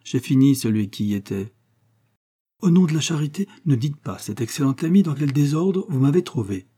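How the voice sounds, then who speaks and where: A man's voice: mid-range voice, lively intonation, moderate pace, dark tone, husky, pitched above the performer's own voice. A man reading an audiobook voicing an effusive, evasive aristocratic lord who chatters jovially and talks over others. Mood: breezy jovial.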